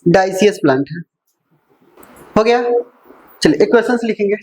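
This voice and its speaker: A teacher giving a lecture who keeps asking whether things are clear, answers their own questions and repeats key terms slowly. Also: medium pitch, animated, darkish tone, a little hiss or hum, poor audio. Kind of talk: classroom lecture mixing Hindi and English terms.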